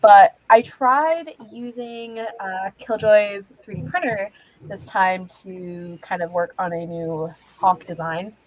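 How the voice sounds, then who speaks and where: A woman's voice: medium pitch, takes it slowly, darkish tone, low-quality recording. A woman cosplayer answering questions in character on a livestream, rambling with lots of fillers and hesitations. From Australia.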